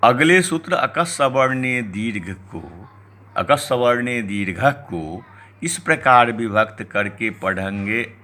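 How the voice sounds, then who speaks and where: A male lecturer reciting Sanskrit grammar text and explaining it in Hindi, in a deliberate teaching manner. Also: mid-range voice, lively intonation, bright, forceful tone. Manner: slow, deliberate explanatory delivery.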